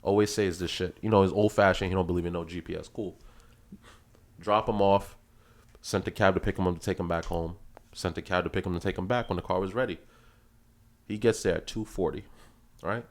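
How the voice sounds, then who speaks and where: A man's voice: low voice, fairly even intonation, a little fast, long pauses, a little mellow. A man in his thirties co-hosting a podcast, telling a story in casual, profane chat and laughing as he goes. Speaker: podcast host.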